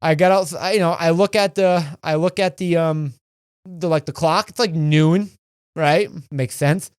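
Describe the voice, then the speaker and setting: A man's voice: fairly high pitch, fairly even intonation, unhurried, clean tone, no echo, studio quality. Profane rambling young man telling stories. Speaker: podcast co-host. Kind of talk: casual storytelling chat.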